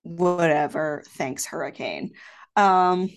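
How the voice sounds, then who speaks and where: A woman's voice: lowish voice, slow pace, vocal fry, soft background music. A woman co-hosting a podcast in casual chat, blunt and emphatic with free swearing, with a slightly echoey sound from recording in an office. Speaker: podcast co-host. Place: home office standing in for a recording studio. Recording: slightly echoey untreated room.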